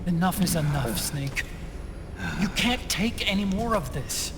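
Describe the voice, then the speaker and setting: A man's voice: high-pitched, lively intonation, measured pace, very noisy. A man playing an anxious, intellectual tech-expert sidekick in a video game. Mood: despairing, pleading. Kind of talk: video game cutscene dialogue.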